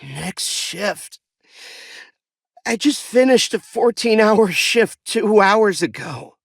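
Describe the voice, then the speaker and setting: An actor voicing an exhausted, downtrodden man on the job in a video game, halting and pleading. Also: sits high, animated, creaky, dry recording, studio quality, heavily acted. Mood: weary, pleading. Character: exhausted, downtrodden male night-shift worker. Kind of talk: scripted video game dialogue.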